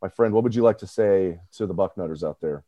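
A man hosting a sports podcast, playful and fond of mock complaints. His voice is on the low side. The sound is dry and close. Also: fast, warm tone, no echo, highs cut off. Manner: joking, exaggerated complaining, friendly. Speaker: podcast host. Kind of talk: casual sports podcast chat.

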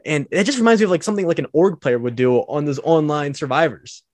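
A man co-hosts a casual podcast in a slightly high voice. He tells stories and acts out what people said, filling gaps with "uh", recorded dry and close. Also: fast talker, a little mellow, dry recording. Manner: storytelling, acts out quotes, with filler "uh"s. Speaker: podcast co-host.

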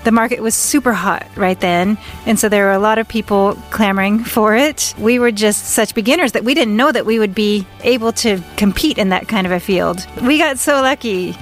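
A woman giving an excited, gushing testimonial in a radio ad. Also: mid-range voice, normal speed, few pauses. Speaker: client testimonial in an ad. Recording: music bed behind voice.

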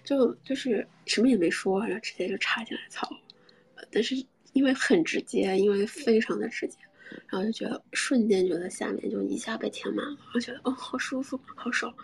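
A young woman telling a personal story in a soft, often half-whispered voice, hesitant and full of restarts. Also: mid-range voice, gravelly, breathy edge.

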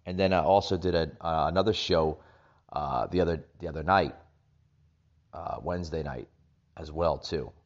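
A man hosting a political commentary podcast, speaking haltingly and repeating phrases for emphasis, recorded with echo in a makeshift room setup. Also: rumbling low, lo-fi sound. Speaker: podcast host. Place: echoey room in a vacation rental. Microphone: makeshift setup without usual equipment.

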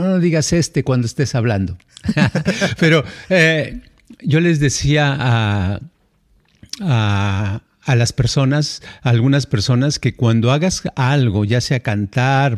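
A middle-aged man with a Mexican accent, a podcast co-host telling stories in a casual, animated way and acting out the voices he quotes. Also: medium pitch. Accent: Mexican Spanish. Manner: animated, acts out quoted voices, frequent fillers. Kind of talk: casual conversational storytelling.

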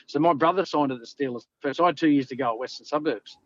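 Here the ex-rugby league man from Australia sounds a little high and talks fast, recorded dry on somewhat muffled, low-fidelity audio. Middle-aged and easygoing, he meanders through his anecdotes for an interview, peppering them with "you know."

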